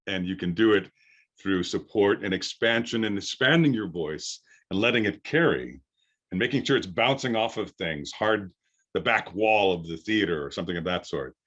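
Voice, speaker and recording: With lively intonation, a middle-aged man coaching voice acting talks through an informal workshop lecture, his deep, firm voice pausing often as he works out his explanations. The tone is fairly bright, but the highs are cut off.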